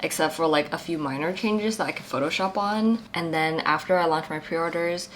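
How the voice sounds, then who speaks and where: Chatty young woman with a low-ish voice. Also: a little fast, slight background noise. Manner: chatty, filler-heavy, upbeat. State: husky morning voice. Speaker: vlogger and small shop owner. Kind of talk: casual vlog voice-over.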